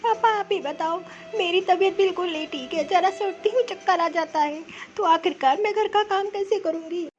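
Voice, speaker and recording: A very high, weepy young wife, voiced by a woman, ill and pleading to be taken home. Her cartoon voice complains softly and sadly. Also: moderate pace, hardly any pauses, lo-fi sound, soft background music. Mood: tearful. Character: sick young married woman, tearful and pleading. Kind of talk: cartoon voice acting.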